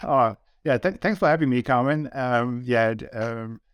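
Here the German-accented guest, a man in his sixties who owns a business, talks a little slowly in a smooth, medium-pitched voice. His casual interview answers are earnest and full of small restarts. The sound is studio quality, without any room sound.

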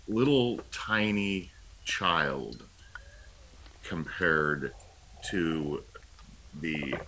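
A man co-hosting a political talk show, talking in a halting, wry way with many ums and pauses. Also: extremely low pitch, bright, forceful tone, a little hiss or hum. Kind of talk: casual political commentary.

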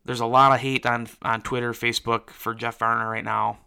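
A man's voice: mid-range voice, flat delivery, a little fast, gravelly, sharp tone, clear, resonant tone. A man hosting an interview show, talking earnestly about forgiveness with lots of fillers before introducing his guest. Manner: earnest, filler-heavy with restarts. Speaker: podcast host and interviewer. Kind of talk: casual spoken commentary then interview.

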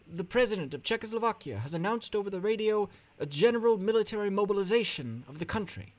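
A man voicing a male interpreter who reads an urgent dispatch in a hurried, formal way. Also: high voice, expressive, pitched above the performer's own voice.

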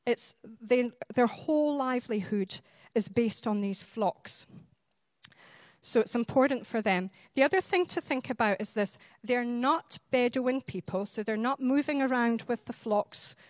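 Woman preacher, Highland Scottish accent, fairly high voice, explanatory delivery, close dry sound. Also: a little slow, no echo. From Highlands of Scotland. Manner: explanatory, checks in with listeners using short tag questions. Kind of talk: sermon.

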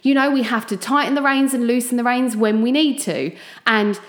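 A woman's voice: fairly high pitch, normal speed. Echoey Essex woman podcaster. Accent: Essex English. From Essex, England. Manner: informal pep talk addressed straight to listeners. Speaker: podcast host. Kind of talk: chatty solo motivational podcast. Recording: echoey room.

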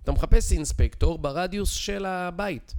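A man's voice: high-pitched, creaky, a little mellow. Israeli man explaining things informally. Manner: informal, insistent, teacherly with rhetorical check questions. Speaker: real estate expert guest. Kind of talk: casual explanatory conversation.

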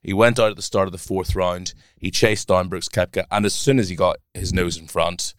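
Enthusiastic man with a smooth, low voice. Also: brisk, dry recording, studio quality. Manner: animated, laughing, enthusiastic. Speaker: sports broadcaster and podcast guest. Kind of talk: casual podcast chat.

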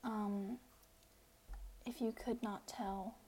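A young woman from the United States hosting her first casual solo podcast, rambling and self-deprecating, sometimes dropping to a soft near-whisper. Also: mid-range voice, steady tone, extremely slow, breathy edge, poor audio. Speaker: podcast host.

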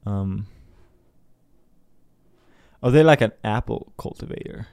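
A man's voice: lowish voice, takes it slowly, vocal fry, a little mellow, no echo, studio quality. Rambling, chatty man on a casual monologue. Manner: rambling, chatty, laughs at his own jokes. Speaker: host.

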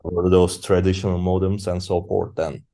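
A man, a podcast guest speaking English as an in halting casual talk with many fillers. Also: deep voice, level tone, vocal fry, warm tone. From Turkey. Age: 30s. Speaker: guest musician. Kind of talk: casual interview chat.

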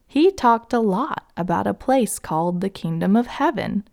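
A woman narrating a children's story gently and asking the young listener questions. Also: medium pitch, lively intonation, normal speed, creaky.

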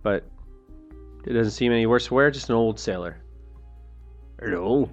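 A man's voice: mid-range voice, brisk, highs cut off. A man casually narrating a tabletop fantasy game as its game master. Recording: music behind the voice.

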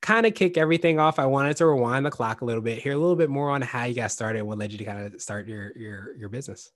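A man's voice: mid-range voice, fast talker. A man hosting a business podcast, upbeat and chatty, often repeating words and restarting phrases as he speaks. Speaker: podcast host. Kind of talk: podcast interview.

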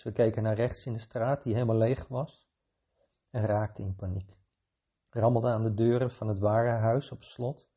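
A man reading a short story aloud in a calm, measured way, with a gravelly, husky voice. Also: fairly low pitch.

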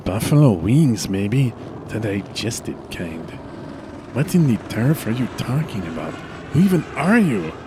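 An actor playing a wary disguised arsonist who answers in hesitant, baffled fragments. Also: male voice, medium pitch, big pitch swings, measured pace, background noise. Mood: puzzled.

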